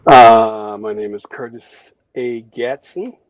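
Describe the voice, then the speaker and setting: An older man from Detroit, a guest who reflects on his upbringing in an unhurried, storytelling way, with frequent chuckles. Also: medium pitch, lo-fi sound. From Detroit, USA. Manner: reflective storyteller, chuckles often, restarts phrases. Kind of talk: relaxed career interview.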